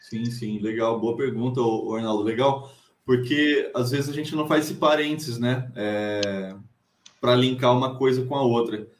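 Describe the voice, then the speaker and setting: A Brazilian man, a writer and teacher, answering interview questions casually with many pauses and restarts. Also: medium pitch, steady tone, reverberant, a little hiss or hum. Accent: Brazilian Portuguese. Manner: hesitant, many fillers and restarts.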